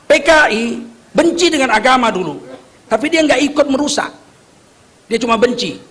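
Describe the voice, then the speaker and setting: A man's voice: very high-pitched, very animated, normal speed, a bit bright. A man preaching a rousing sermon, joking and calling on the crowd to answer back. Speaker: Islamic preacher. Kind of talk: rousing sermon with call-and-response.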